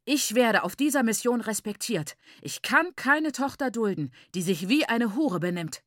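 A woman voicing an enraged, domineering middle-aged father who shouts and berates his daughter. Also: a little high, expressive, moderate pace, no room sound, clean studio sound. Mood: berating.

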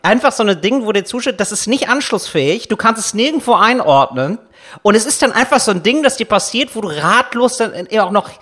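Male podcast co-host, high and animated, playful teaser with frequent laughs. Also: fairly quick. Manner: playful, teasing, laughs often. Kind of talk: casual podcast chat.

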